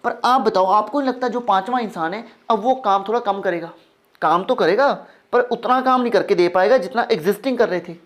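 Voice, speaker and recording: A man's voice: high-pitched, a little fast, fairly bright tone. A young adult male teacher delivering a classroom lecture. He coaxes and urges, drilling each point by repeating phrases over and over.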